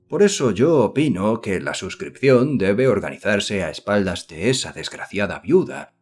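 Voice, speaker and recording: A man reading as a stiff, pompous gentleman. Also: fairly low pitch, slightly rough, full character voice. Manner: formal, measured and condescending. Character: stiff, self-important middle-aged male suitor.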